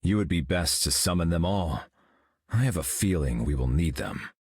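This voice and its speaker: Serene and grave, this video game's golden cosmic hero speaks calmly and solemnly at a normal speed. His voice sits very low with a husky grain and a lively, rolling pitch, captured in a close, dry recording.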